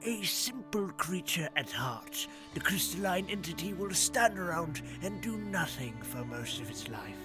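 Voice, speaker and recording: A man's voice: high voice, big pitch swings, over music. A man putting on a mock-solemn wildlife narrator. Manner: mock-solemn, slow, hushed. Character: hushed male nature-documentary narrator parody.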